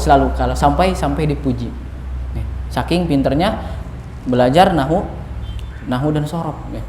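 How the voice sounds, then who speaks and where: Male preacher, chatty lecture with fillers; distant echoey hall sound, faint hiss. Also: on the high side. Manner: conversational, frequent "gitu, ya" fillers. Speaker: Islamic preacher. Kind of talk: mosque study lecture. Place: mosque hall.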